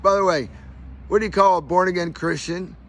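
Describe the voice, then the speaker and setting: A man's voice: sits high, steady tone, fairly quick, a bit bright. A man telling his own story in an aggrieved, emphatic rant, his speech slightly slurred by missing front teeth. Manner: aggrieved, emphatic, acts out reported dialogue.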